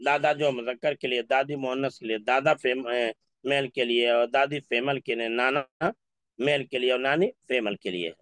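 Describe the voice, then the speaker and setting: A man teaching an Urdu class, going through word lists slowly and repeating each word. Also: medium pitch, steady tone, a bit bright, dry recording. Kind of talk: classroom lesson.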